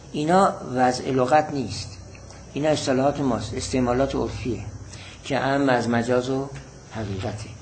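A man's voice: medium pitch, slight background noise, low-quality recording. A man teaching a religious-philosophy text lesson, reading Arabic phrases and explaining them patiently, often repeating definitions.

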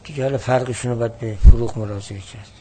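A man giving a lesson on a classical text, explaining word meanings and reading passages slowly and more loudly. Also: medium pitch, steady tone. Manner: explanatory, reads Arabic text slowly and louder. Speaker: teacher.

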